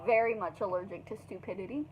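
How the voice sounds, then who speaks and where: A young woman telling a storytime vlog in a casual, animated way, heavy on fillers and swearing. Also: mid-range voice, fast, a little hiss or hum, poor audio. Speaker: vlogger.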